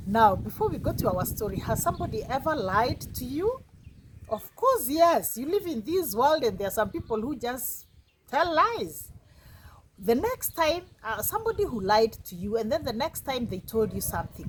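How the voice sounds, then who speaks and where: A woman teaching a moral lesson through storytelling, expressive and engaging, often asking her listeners questions. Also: a little high, noisy background.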